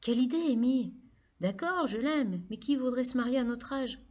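A woman's voice: fairly high pitch, lively intonation, moderate pace, darkish tone, pitched above the performer's own voice. A woman voicing an earnest, emotional teenage girl who speaks emphatically, in a novel reading. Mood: emphatic.

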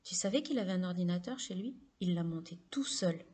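A woman's voice: fairly low pitch, lively intonation, a little fast, darkish tone, husky. A woman voicing an earnest, emotional teenage girl who speaks emphatically, in a novel reading. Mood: emphatic.

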